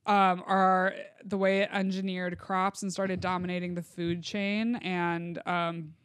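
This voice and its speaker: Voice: medium pitch, little pitch movement, measured pace, a bit bright, clean tone, no echo. A co-host explaining researched material in a casual, informal way, with wry joking asides. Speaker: podcast co-host presenting research.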